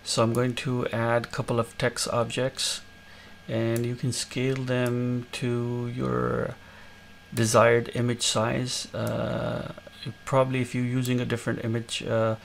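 A man hosting a screen-recorded coding tutorial, explaining each step in a relaxed way with many fillers. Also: mid-range voice, measured pace, gravelly, slight background noise. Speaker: tutorial host.

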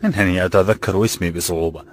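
A man voicing a calm, kind old bookseller who speaks formal classical Arabic, in a slightly raised voice. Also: low voice, fast talker, soft background music, close to an everyday voice.

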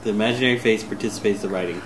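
A man's voice: lowish voice, very fast, reverberant. A man in his thirties chatting casually and repeating phrases in a challenge video. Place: small indoor room at a table. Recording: very noisy home room recording.

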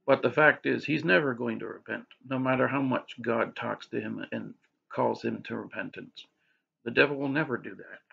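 Man, casual faith vlog, rambling, husky, gravelly, muffled lo-fi audio. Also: mid-range voice, a bit bright. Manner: rambling, with restarts and filler words. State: hiccups. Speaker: vlogger. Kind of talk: casual religious monologue to camera. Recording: dull lo-fi audio.

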